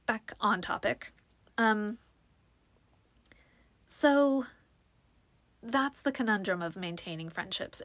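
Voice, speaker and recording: Talking alone on her podcast, a young host wanders from thought to thought, restarting often and leaning on fillers, her nose slightly stuffy from allergies. Her mid-range voice is a bit bright, and the recording is dry.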